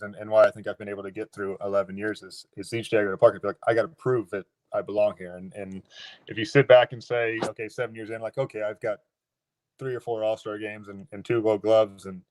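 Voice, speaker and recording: Man, 30s, fairly low voice, dry sound, video call, halting and reflective, casual interview. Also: flat delivery, dry recording. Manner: reflective, halting, with frequent restarts. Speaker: interview guest, former baseball catcher.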